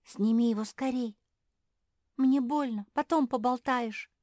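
A woman voicing a rude, sharp-tongued female frog who snaps and mocks loudly in an audiobook. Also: lowish voice, normal speed, dry recording, studio quality, lightly acted. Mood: snappish. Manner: snapping, sarcastic, loud. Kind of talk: audiobook character voice.

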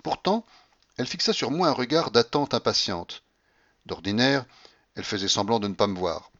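Man narrating a classic novel, measured. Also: medium pitch, expressive, a bit bright, muffled recording. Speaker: audiobook narrator. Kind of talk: literary audiobook narration.

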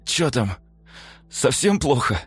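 A man voicing a wounded male soldier commander with a creaky, grating voice, pleading and defensive. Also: medium pitch, big pitch swings, slow pace, soft background music, voice pushed up, heavily acted. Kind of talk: audiobook dialogue.

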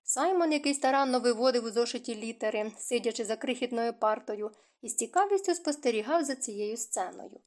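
A woman reading a novel aloud as an audiobook narrator, in a steady, expressive manner. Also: on the high side, fairly quick, hardly any pauses.

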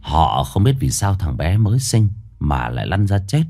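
Lively low-voiced male storyteller. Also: moderate pace. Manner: grave, dramatic storytelling. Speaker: horror story narrator. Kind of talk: scripted horror narration. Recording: faint music behind.

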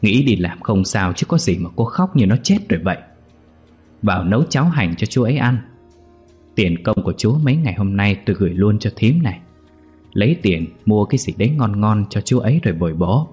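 A man voicing a gruff but caring older brother who gives brusque orders. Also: on the low side, animated, a little fast, darkish tone, soft background music, close to an everyday voice. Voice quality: brusque, bossy.

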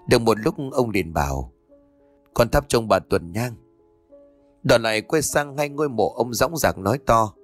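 Expressive male storyteller over faint music. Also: mid-range voice. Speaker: audiobook narrator. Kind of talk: scripted story narration. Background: faint background music.

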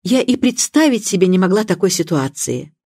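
A woman reading the part of a composed young woman who speaks plainly and bluntly, with a lively voice. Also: fairly low pitch, normal speed, no echo, studio quality.

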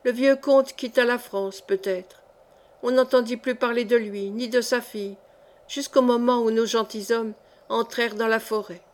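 A woman's voice: on the high side, fairly even intonation, moderate pace, close to an everyday voice. A woman reading the lines of a poor young orphan man who mocks old legends, in an audiobook. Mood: mocking. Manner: light, teasing storyteller.

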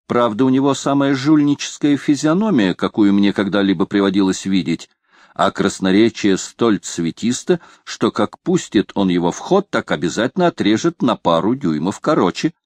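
A man's voice: fairly low pitch, expressive, moderate pace, a little mellow, no echo, natural voice. A man voicing a teasing, amused rogue. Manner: teasing and mock-stern. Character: mocking, amused male companion.

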